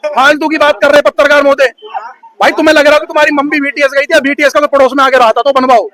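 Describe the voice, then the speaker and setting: Fast-talking, high-voiced scolding man. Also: level tone, fairly bright tone. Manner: scolding, sarcastic, repeats "bhai". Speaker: bystander interviewee. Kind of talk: heated street interview rant.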